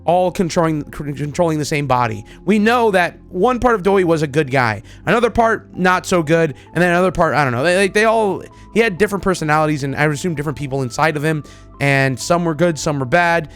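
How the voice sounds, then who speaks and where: A gaming video creator with a slightly high voice talks a little fast, his commentary casual, excited, and rambling as it drifts between thoughts. Music plays faintly in the background.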